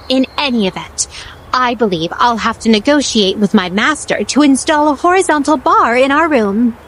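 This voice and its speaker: Otherworldly game attendant: naive, curious, impeccably formal, high animated voice over prominent music. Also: female voice. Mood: pleased, reflective. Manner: formal, flowery, overly polite diction. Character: poised, curious, naive otherworldly female attendant visiting human places. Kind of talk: scripted video game dialogue.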